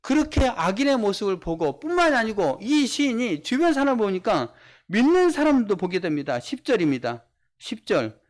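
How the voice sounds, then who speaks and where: A male pastor preaching a sermon, explaining scripture line by line and repeating key phrases for emphasis. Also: sits high. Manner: acts out mocking voices of unbelievers.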